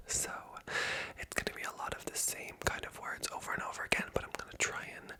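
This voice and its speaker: An ASMR host speaking in an unvoiced, breathy, rambling whisper close to the microphone, at times barely audible. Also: sharp tone, low-quality recording. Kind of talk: ASMR whispering, inaudible and semi-inaudible.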